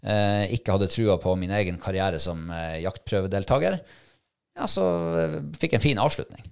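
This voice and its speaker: Middle-aged man, lowish voice, animated casual storyteller. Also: creaky, clear, resonant tone. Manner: animated, acts out his own thoughts and shouts. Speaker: podcast co-host, hunting dog handler.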